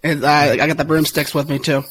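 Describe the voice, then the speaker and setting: A man hosting a casual sports podcast, his voice hoarse and breaking because he has lost it. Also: a little high, level tone, a little fast, a bit bright, a little hiss or hum. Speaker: podcast host.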